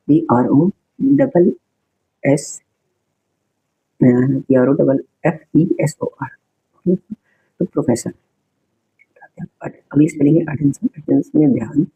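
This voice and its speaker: A man's voice: on the high side, vocal fry, mellow, husky, lo-fi sound. A man teaching an exam-prep spelling lesson, repeating each word, spelling it out letter by letter and explaining its meaning to viewers.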